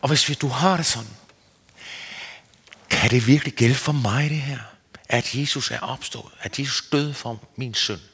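A man giving an earnest, searching sermon as a preacher, his pitch rising and falling. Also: fairly bright tone, slightly rough. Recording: long hall reverb.

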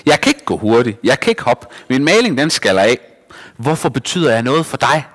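A man's voice: medium pitch, sing-song, fairly bright tone, long reverb tail, pitched above the performer's own voice. A man voicing a small, insecure wooden boy doll who stammers and hesitates. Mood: wondering.

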